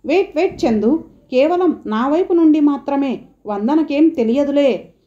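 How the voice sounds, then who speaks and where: A woman reading the lines of a friendly, confident young man, in a softer, lower voice than her narration. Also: animated, normal speed, lo-fi sound. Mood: earnest. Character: friendly young male suitor, confident and easygoing.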